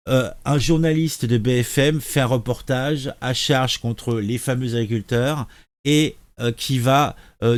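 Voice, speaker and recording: A man's voice: a little high, darkish tone, no room sound. A man giving casual reaction commentary, sarcastic and mocking, hesitating with many fillers. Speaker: political commentary youtuber.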